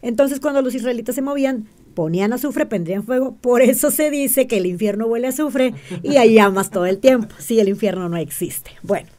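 A woman's voice: on the high side, a little fast, hardly any pauses, dark tone. A woman explains things as an interview guest, often checking in with the listener and asking rhetorical questions. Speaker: interview guest, self-described witch.

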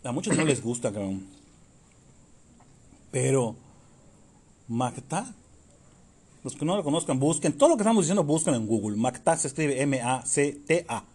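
Swearing Mexican man with a husky, lively voice. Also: mid-range voice, normal speed, long pauses. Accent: Mexican Spanish. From Yucatán, Mexico. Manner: crude, swears constantly, jokey. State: scratchy throat, clearing it. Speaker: podcast co-host. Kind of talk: casual chat.

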